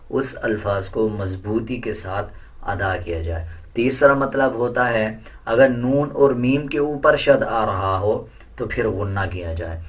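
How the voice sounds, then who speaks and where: With a fairly low pitch, a man lays out the rules of Quranic recitation in a calm way, then sings the verses slowly and tunefully at a volume much louder than his spoken teaching.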